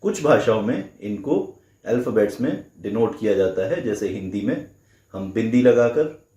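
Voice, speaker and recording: A man teaching a language lesson, explaining slowly and carefully, saying sounds aloud to demonstrate them. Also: fairly low pitch, animated, dark tone, reverberant.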